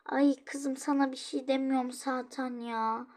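A woman's voice: high-pitched, little pitch movement, a little slow, darkish tone. A woman voicing a tired, fussy mother who complains and scolds her daughter. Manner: complaining, exasperated.

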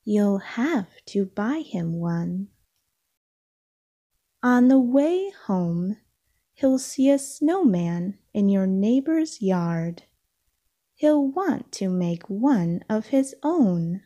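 Speaking at a mid-range pitch, a woman narrates a kids' storybook out loud. Her delivery is careful and full of expression, aimed at a young audience.

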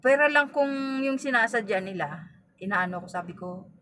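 A middle-aged woman tells stories at a moderate pace with lively intonation, her medium-pitched voice a bit bright, while vlogging casually from inside a car. She's a vlogger and family driver who chats to "guys" and performs the dialogue. Faint ambient noise accompanies the distant-mic recording.

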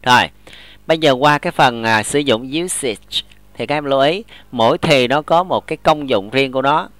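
A man, teaching English grammar in a classroom lesson, explaining slowly and often checking that students follow. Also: medium pitch, fairly bright tone, no echo. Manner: models English example sentences slowly.

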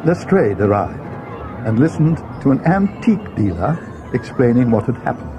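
An actor playing Watson, a schoolboy's companion recounting a mystery as scripted storybook narration. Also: male voice, medium pitch, very animated, moderate pace, close to an everyday voice. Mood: measured, grave.

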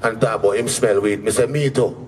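A man's voice: lowish voice, steady tone, brisk. A man with a Jamaican accent doing stand-up comedy, telling stories in patois and acting out the people in them. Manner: patois storytelling, acting out quoted characters. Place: live comedy venue with an audience. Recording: distant mic, faint crowd and room noise.

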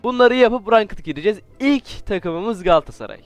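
A man giving casual, joking commentary while playing a game, with sudden excited outbursts and playful trash talk. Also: sits high, normal speed, faint music behind. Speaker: gaming YouTuber.

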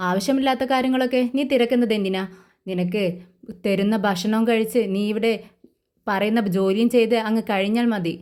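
A woman's voice: on the high side, steady tone, fairly quick, a little mellow, close to an everyday voice. A woman voicing a middle-aged lady of the house who scolds her servant sharply. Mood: angry.

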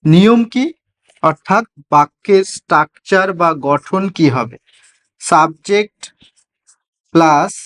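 A man with a Bengali accent giving a beginner English grammar lesson, asking rhetorical questions and slowing down to spell out examples. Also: on the high side. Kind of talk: classroom-style grammar lesson.

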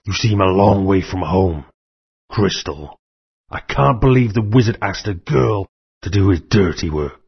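General Scales, gravelly reptile tyrant. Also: male voice, low voice, animated, unhurried, exaggerated voice. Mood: mocking. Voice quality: gravelly, husky. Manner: menacing, mocking. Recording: muffled lo-fi game audio.

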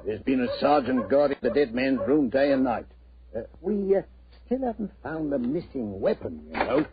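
A man's voice: mid-range voice, very animated, moderate pace, background noise. A man playing a cocksure, chummy British police inspector with colloquial speech in a 1940s radio drama. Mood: confident. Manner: chatty, smug, colloquial. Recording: muffled old radio recording.

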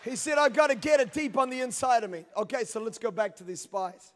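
A man in his thirties preaching a sermon on a large church stage into a handheld mic, swinging between hushed passages and shouted peaks. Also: extremely high pitch, expressive, a little fast, a faint crowd. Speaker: pastor. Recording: long hall reverb.

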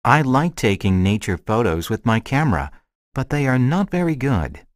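Man acting a friendly chatting man, lesson dialogue, careful short sentences, lively intonation, dry sound. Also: medium pitch, normal speed, dry recording, natural voice. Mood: friendly, measured. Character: friendly man chatting about a shared hobby. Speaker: language lesson dialogue speaker.

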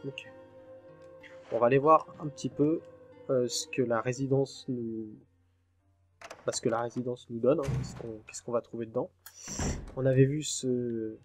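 A man talks his way through a horror game, chatting to viewers and letting curses fly whenever something jumps out. His voice sits at an ordinary middle pitch, with quiet game music running underneath. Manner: chatty and jumpy, swears freely when startled. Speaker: gaming channel host. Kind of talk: let's play commentary.

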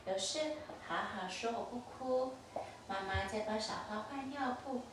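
Mother, gently instructive, repetitive toddler coaching; distant, roomy home recording with audible noise. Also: fairly high pitch, a little slow. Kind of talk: coaching a toddler through play. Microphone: distant camera mic.

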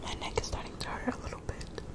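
A woman in her twenties doing laid-back, rambling ASMR chat in a breathy whisper, close to the mic, softly repeating her phrases. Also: quick pace. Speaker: ASMR creator. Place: small bedroom, lying in bed. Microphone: desk condenser microphone very close to the mouth.

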